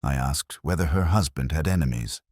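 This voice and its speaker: A very deep male voice, slightly mellow and brooding, narrates a scripted first-person detective story in a measured, literary way. The studio-quality recording carries no echo.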